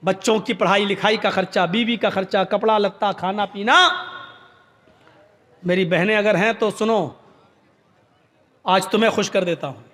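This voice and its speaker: A male Islamic preacher delivers a sermon at a public gathering, telling stories and addressing his listeners directly. His voice sits high for a man. Long reverb from a large hall follows every phrase. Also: steady tone, pauses often, fairly bright tone. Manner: storytelling, direct address to the audience.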